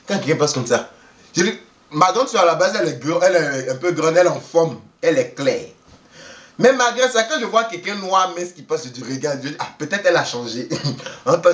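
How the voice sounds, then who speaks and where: Animated man. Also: on the high side, recorded from a distance. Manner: lively, laughs often, acts out quoted people. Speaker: vlogger telling a travel story. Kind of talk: animated casual storytelling. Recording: roomy echo, voice away from the mic.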